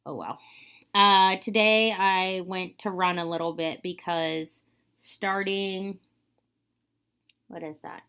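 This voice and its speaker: A woman's voice: mid-range voice, steady tone, slow, pauses often, bright, forceful tone, smooth. A young woman talking in a casual, chatty vlog style, candid and rambling with a wry edge. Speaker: vlogger.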